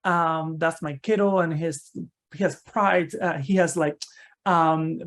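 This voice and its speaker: A man's voice: a little high, steady tone, takes it slowly, a bit bright. Man presenting an online seminar. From Cuba. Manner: conversational, tags sentences with "right?", frequent restarts. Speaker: university researcher giving a seminar talk. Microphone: video call.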